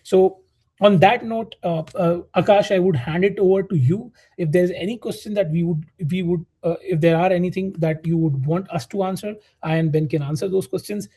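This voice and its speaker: A man with a fairly high, husky voice gives a business webinar presentation over a video call. His tone is mellow and dark. He pauses often, restarting his sentences and filling gaps with "uh". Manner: hesitant, many fillers and restarts. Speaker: webinar co-presenter, strategy director.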